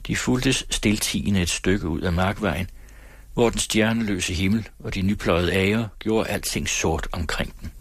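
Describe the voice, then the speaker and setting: A man reading a novel aloud in a measured storytelling manner. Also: low voice, breathy edge, no echo. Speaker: narrator.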